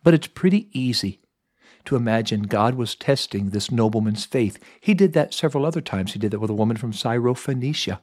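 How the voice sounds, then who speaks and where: A man teaching a Bible lesson in an animated, expressive way, speeding up and slowing down for emphasis. His voice has a middle pitch. It is recorded close and dry, with no echo. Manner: animated, shifts pace for emphasis, acts out quotes. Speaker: Bible lesson podcast host.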